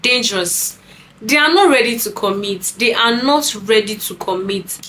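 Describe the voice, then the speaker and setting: A woman's voice: on the high side, lively intonation, normal speed, a bit bright, a little hiss or hum, poor audio. Sassy woman giving dating advice. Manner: sassy, emphatic, scolding asides. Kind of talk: casual talk to camera.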